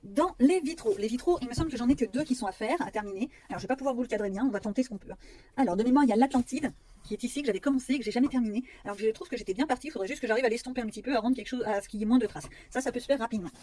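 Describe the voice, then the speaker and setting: A woman's voice: fairly high pitch, rapid-fire, dark tone. A woman vlogger chatting casually about her coloring books, self-mocking and rambling with fillers.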